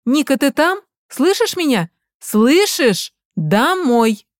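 Hysterical mother, read by a woman, loud, frantic, shouting. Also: a little high, big pitch swings, moderate pace, no echo, studio quality, voice pushed up. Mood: furious. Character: hysterical angry mother on the phone.

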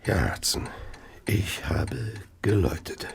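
A man playing a gloating, well-to-do Victorian serial killer in a radio play, speaking in a slow, savouring, theatrical way with a gravelly, husky voice. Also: sits low, sing-song, slight background noise, heavily acted. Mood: irritated, imperious. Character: gloating, arsenic-addicted Victorian serial killer, wealthy gentleman. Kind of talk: German radio play monologue and narration.

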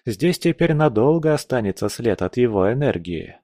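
A man voicing a calm, mocking young male mage in an audiobook. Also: medium pitch, normal speed, no room sound, clean studio sound, close to an everyday voice. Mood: serious.

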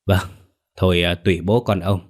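A man's voice: deep voice, fairly even intonation, normal speed. A man voicing a timid, worried old village mother who speaks hesitantly. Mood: anxious.

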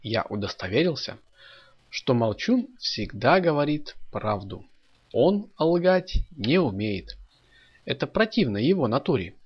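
Narrator doing an earnest thoughtful guy explaining, husky, lo-fi. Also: medium pitch, sing-song, measured pace, voice pushed up. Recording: dull lo-fi audio.

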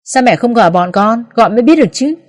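A woman's voice: a little high, lively intonation, fast talker, no echo, studio quality, voice pushed up. A woman voicing a young husband who pleads with his angry mother. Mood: pleading. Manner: pleading, exasperated. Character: pleading young husband, son caught between mother and wife.

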